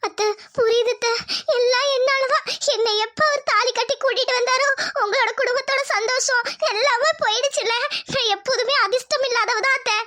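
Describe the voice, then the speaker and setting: A meek young bride in a cartoon family drama who blames herself for everything, voiced by a woman. Her voice is extremely high and bright. She pleads in fast, melodramatic lines. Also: steady tone. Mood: pleading. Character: meek young village bride, self-blaming and tearful.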